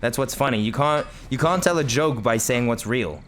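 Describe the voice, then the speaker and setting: Game music plays behind a man hosting a let's play in a mid-range, fairly bright voice at normal speed, with a little hiss or hum. He chats casually about the game, rambling, laughing, and frequently restarting to correct himself.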